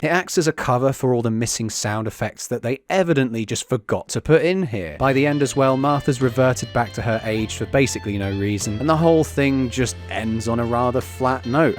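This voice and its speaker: Opinionated man reviewing TV. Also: mid-range voice. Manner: opinionated, enthusiastic, casual swearing. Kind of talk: scripted review commentary.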